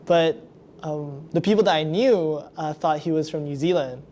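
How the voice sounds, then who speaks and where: A young Indonesian man hosts a podcast in a chatty, casual way, stuffing his sentences with "like." His voice sits a little high, with a warm tone and a moderate pace, over slight background noise.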